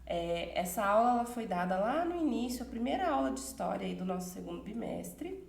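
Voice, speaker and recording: A woman's voice: medium pitch, big pitch swings, brisk, gravelly, a little mellow, roomy sound. A woman from Brazil teaching a recorded class for children, greeting them in a friendly, reassuring way and reviewing the material. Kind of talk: recorded remote class introduction.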